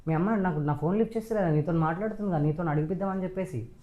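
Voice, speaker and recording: A man's voice: high voice, rapid-fire, muffled recording. A man, arguing insistently with his wife and raising his voice in a staged family quarrel. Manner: accusing, insistent, raises voice. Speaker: husband.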